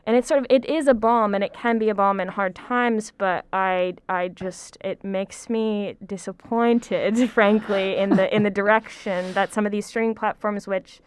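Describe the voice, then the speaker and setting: A woman's voice: mid-range voice, steady tone, normal speed, hardly any pauses, clear, resonant tone, no echo. A woman lecturer talking film on a podcast, thoughtful and hedging, with frequent ums and likes. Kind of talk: casual podcast discussion.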